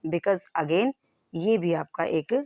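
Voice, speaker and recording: A woman's voice: on the low side, extremely slow, a little mellow, no echo, highs cut off. A woman teacher giving an exam-prep lesson, explaining terms step by step and checking if the class follows.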